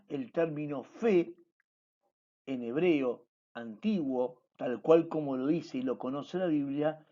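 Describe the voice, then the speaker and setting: A man delivers a recorded church lesson at a very unhurried pace, his voice sitting somewhat high for a man. He lays out each idea step by step, circling back to repeat key words. The recording sounds dull and lo-fi. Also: a little mellow. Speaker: church class teacher.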